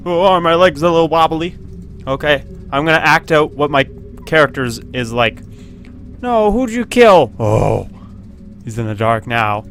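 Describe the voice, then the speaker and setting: A man giving casual, excitable commentary as he plays a video game at his computer, laughing often and yelping when something happens. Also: a little high, unhurried, a little hiss or hum. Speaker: gaming video host. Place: at home at a computer with webcam.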